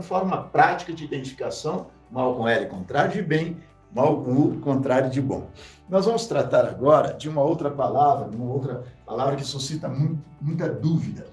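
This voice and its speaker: A man teaching a live grammar lesson, speaking slowly and deliberately and repeating key points. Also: a little high, darkish tone, roomy sound, far from the mic. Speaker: Portuguese language teacher.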